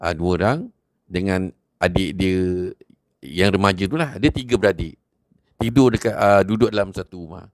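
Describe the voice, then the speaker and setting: Easygoing male storyteller, low-key and rambling, dry close recording. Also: moderate pace, pauses often, no room sound. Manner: relaxed, rambling, many fillers. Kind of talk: casual spoken storytelling.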